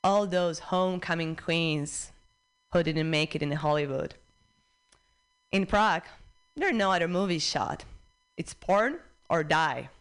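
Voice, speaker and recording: A young Czech woman delivers a stand-up set on a club stage, her accent plain in every line. Her voice sits on the low side, and she drops punchlines in a dry, deadpan way with small pauses. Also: clear, resonant tone. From Czech Republic. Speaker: stand-up comedian.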